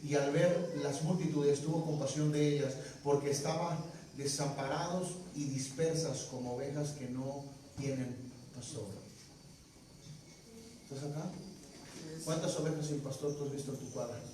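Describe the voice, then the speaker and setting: A man preaching a sermon, telling stories with animated energy and often asking the congregation questions, with shouts at the peaks. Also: on the high side, moderate pace. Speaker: pastor. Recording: echoey hall, distant mic, noisy.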